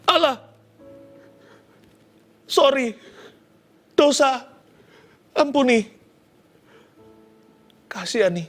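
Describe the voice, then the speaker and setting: A man voicing a weeping repentant man who prays in broken, halting single words. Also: very high voice, faint music behind, voice pushed up. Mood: sobbing plea.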